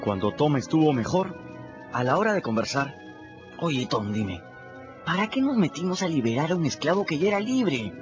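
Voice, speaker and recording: Voicing a restless boy who has run away from home, the actor tells the story in a folksy, plain-spoken first person for a radio play. His voice is a little high with big pitch swings at a moderate pace, and the audio is muffled with music.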